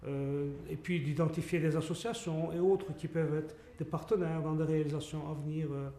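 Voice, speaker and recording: Man, project spokesman, fairly high but mellow voice, echoey room. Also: level tone. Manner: measured, poses rhetorical questions. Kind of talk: explaining a project in an interview.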